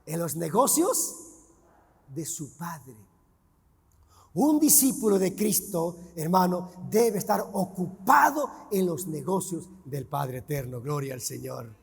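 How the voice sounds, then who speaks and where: A male pastor preaching a sermon emphatically, shouting key words and quizzing the congregation. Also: fairly high pitch, lively intonation, slow, gravelly, husky, big-room sound. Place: church.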